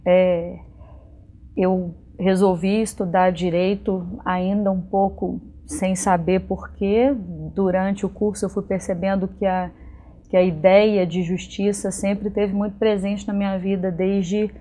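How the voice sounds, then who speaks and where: Mellow-voiced Brazilian woman from Minas Gerais. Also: mid-range voice, flat delivery, measured pace. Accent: Brazilian Portuguese, Minas Gerais. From Belo Horizonte, Brazil. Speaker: public defender, interview guest. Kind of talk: interview answers.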